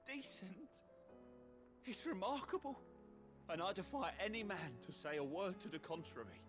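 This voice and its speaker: An actor playing an effusive, grandiose gourmand in a video game, speaking in florid, theatrical style. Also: male voice, sits high, animated, normal speed. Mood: indignant enthusiasm. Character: flamboyant, effusive male gourmand rhapsodising over a dish. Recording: background music under the voice.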